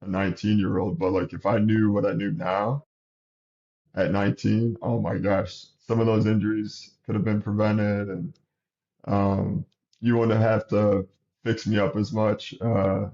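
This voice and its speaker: A man's voice: on the low side, unhurried, gravelly, muffled recording. A man in his thirties, a basketball coach, chatting casually as a guest, sniffling, rambling with restarts. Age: 30s. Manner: relaxed, rambling, with many restarts. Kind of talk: casual interview chat.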